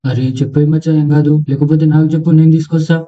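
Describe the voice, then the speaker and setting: Man, cartoon comedy dialogue, crude rowdy banter, slightly high voice, muffled lo-fi audio. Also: little pitch movement, racing, background noise.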